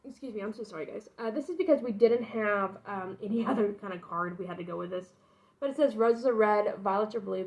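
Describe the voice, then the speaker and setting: Through dull audio, a young adult woman with a fairly high, fairly bright voice shares her pregnancy announcement story. It's a casual, meandering vlog peppered with side comments.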